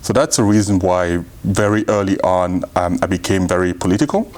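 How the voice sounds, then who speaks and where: Low-voiced man, 30s, from Cameroon; thoughtful interview guest. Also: fairly quick, a little mellow. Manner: earnest and reflective, leans on "you know" and "indeed". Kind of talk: casual interview talk.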